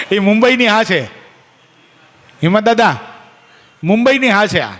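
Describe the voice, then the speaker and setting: Male preacher, higher voice, quizzes the crowd by name, long reverb. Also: a bit bright, a little hiss or hum. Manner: questions and teases listeners by name. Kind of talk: devotional discourse to a gathering.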